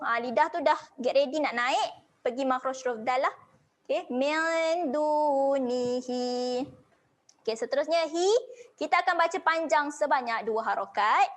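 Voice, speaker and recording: A Malaysian woman teaching Quran recitation in an online class over a video call, patiently explaining each sound step by step and chanting slow, drawn-out model readings. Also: high-pitched.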